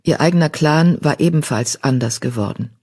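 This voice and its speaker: A woman narrating an audiobook in an even, measured way. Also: low voice, husky.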